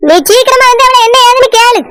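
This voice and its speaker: An older cartoon village mother, played by a woman who asks anxious questions in a Kanyakumari accent. Her voice sits very high, and loud noise runs underneath. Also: fairly even intonation, fast. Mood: worried. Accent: Kanyakumari Tamil.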